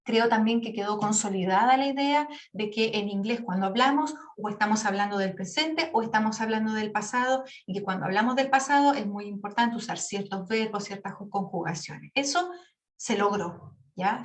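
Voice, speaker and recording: A woman teacher giving patient, explanatory feedback on an exam to her class, often checking in with the students. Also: mid-range voice. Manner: patient, explanatory, checks in with frequent tag questions; demonstrates word pronunciation slowly. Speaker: English teacher.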